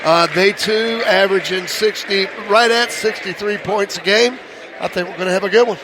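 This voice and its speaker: A man giving conversational pregame basketball analysis as a color commentator, halting and repeating his phrases. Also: high voice. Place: gymnasium. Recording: clear gym background noise.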